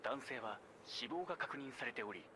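Actor doing a formal male tv newsreader in a game, fast, lively pitch, faint noise. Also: lightly acted. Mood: formal, grave. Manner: formal, measured announcer delivery. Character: male television news announcer, formal and grave. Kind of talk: formal scripted news report.

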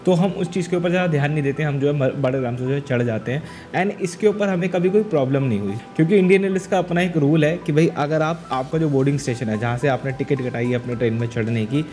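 A young man, a vlogger, talking to camera in a chatty, animated way, recorded on a lapel mic indoors. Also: fairly high pitch, quick pace, soft background music. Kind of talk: casual explainer vlog.

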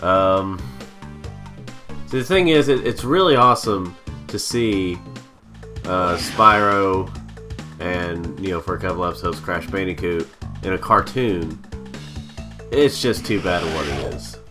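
Low-voiced man, a little far from mic. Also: animated, measured pace, long pauses. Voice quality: slightly distant from the mic. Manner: hesitant, rambling, self-deprecating. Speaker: host of a gaming video series. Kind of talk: casual let's play commentary. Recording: slightly far from mic, music behind. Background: video game music.

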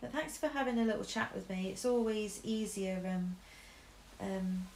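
In a low-quality, reverberant recording with a little hiss or hum, a young Shropshire woman talks as she draws in her living room. She's an artist streamer with a mixed Midlands accent and a mid-range, slightly mellow voice at moderate pace, chatty, laughing readily, full of ums and restarts, filmed by an over-the-shoulder camera.

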